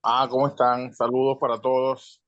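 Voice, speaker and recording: Venezuelan guy on a lo-fi call, earnest, kinda slow with ums, dead dry sound. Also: medium pitch, level tone, a bit bright, no echo. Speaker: audience member asking. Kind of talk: online panel comment. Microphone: video call. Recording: dull lo-fi video call audio.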